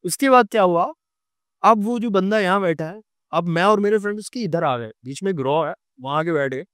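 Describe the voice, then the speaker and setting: Young man, delhi hindi accent, animated ghost story, fairly high voice, dry close mic. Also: moderate pace, clear, resonant tone, no room sound. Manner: animated storytelling, acting out scenes and quotes. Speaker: podcast guest. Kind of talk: telling a true ghost story in casual chat.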